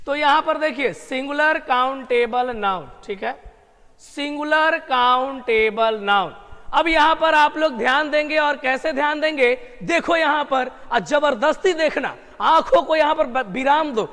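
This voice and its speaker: A man teaching English grammar online. He drills his students with repeated questions, slows down to stress key terms and breaks into emphatic bursts. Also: very high voice, big-room sound. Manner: lively with sudden emphatic outbursts.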